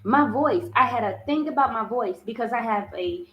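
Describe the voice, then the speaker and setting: This motivational livestream features a woman hosting a spiritual self-love talk at normal speed, her strong, big voice a little high, expressive and a bit bright. She speaks earnestly and often asks "you understand?" It's a rough, reverberant recording.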